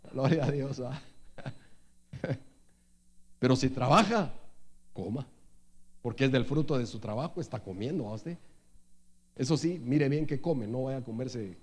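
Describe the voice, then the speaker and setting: A man preaching a sermon in church, speaking conversationally, asking the congregation questions and reading scripture slowly and forcefully. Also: mid-range voice, expressive. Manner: reads scripture slowly and loudly. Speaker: pastor. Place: church hall. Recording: long hall reverb. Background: faint guitar music.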